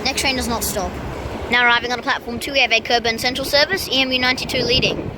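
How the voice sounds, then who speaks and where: A woman's voice: on the high side, steady tone, fast. A woman giving train-spotting vlog commentary on a train platform, calling arrivals and departures like an announcer with casual asides. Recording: loud train and platform noise. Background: trains, vehicles, outdoor station ambience.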